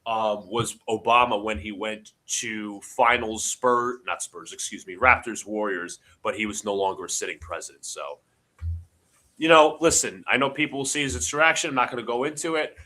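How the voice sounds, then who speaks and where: A livestream host with a fairly low-pitched voice calls a basketball game play by play for his audience, a bit stuffy and congested from allergies. His tone is bright and sharp, and his quick, excitable running commentary jumps to shouting on big plays when his team scores.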